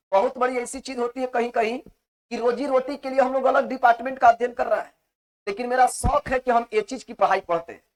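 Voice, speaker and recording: A woman lecturing a biology class, repeating points and asking questions she answers herself. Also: a little high. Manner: repetitive, emphatic explaining. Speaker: biology teacher.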